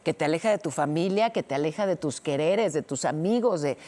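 A woman in a casual chat, calmly giving advice in a measured way. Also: sits low, a crowd in the background. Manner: measured, advising.

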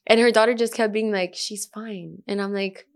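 A woman's voice: mid-range voice, flat delivery, quick pace, clear, resonant tone. A young adult woman, a sound healer guest, telling a story in casual chat, full of fillers and quoted asides.

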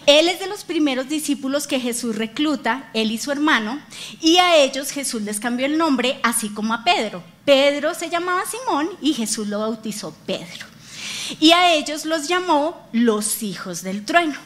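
High-voiced woman preaching. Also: normal speed. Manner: animated storytelling, talks straight to the congregation. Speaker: pastor. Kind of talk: lively sermon with acted-out dialogue. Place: church.

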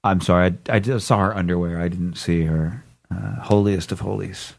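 A man telling a long, rambling, profane story in a casual chat, often mimicking other people in high squeaky voices. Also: steady tone, normal speed, vocal fry.

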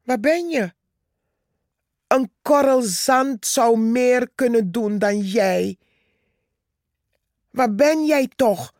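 A woman's voice: on the high side, slow, darkish tone, no room sound, studio quality, voice pushed up. A woman voicing a haughty, boastful male tree who talks down to others, in a storybook reading. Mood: mocking. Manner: condescending, scornful.

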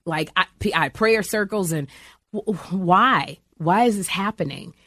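A woman's voice: fairly low pitch, moderate pace, a bit bright, no room sound, clean studio sound. A middle-aged woman speaking candidly and emotionally about faith, bringing her stories to life with quoted voices. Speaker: guest.

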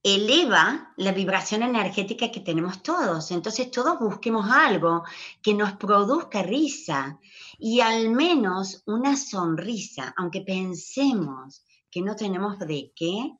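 A woman guest who leads workshops, calmly giving flowing, encouraging advice in conversation. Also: mid-range voice, unhurried, dull audio. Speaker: guest speaker, workshop leader.

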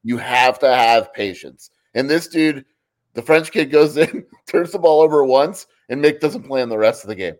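Guy on a sports podcast making his case, mid pitch, lots of "like"s, sure of himself. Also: moderate pace. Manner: opinionated, argues points with repeated "like". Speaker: podcast co-host. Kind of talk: casual sports chat.

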